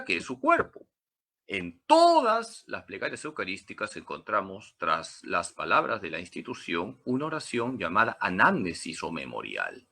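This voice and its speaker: A man's voice: mid-range voice, pushed and bright. A man, a priest teaching a catechism class, who asks questions and answers them himself with emphatic repetition.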